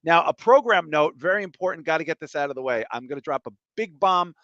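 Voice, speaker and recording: The muffled, slightly lo-fi stream carries a fairly high-pitched male voice, animated, fast and a bit bright, with no echo. He's the host of a casual comedy podcast, full of crude jokes and eager plugs for the show.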